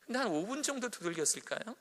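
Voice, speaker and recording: A man in his thirties preaching a sermon as a pastor, telling a story and swinging between loud emphasis and hushed, near-whispered prayer. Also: sits high, sing-song, quick pace. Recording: echoey hall reverb.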